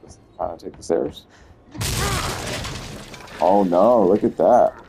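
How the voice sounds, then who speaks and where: A man's voice: low-pitched, slow pace, vocal fry, noisy background. A man giving casual, wry commentary while playing a horror game, with some swearing. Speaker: gameplay streamer. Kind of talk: casual let's-play commentary.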